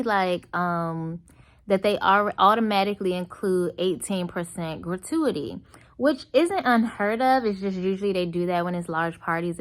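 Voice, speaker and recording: An American woman telling a story as a casual, emphatic rant to her viewers, animatedly acting out dialogue as she goes. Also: fairly low pitch. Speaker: vlogger addressing viewers.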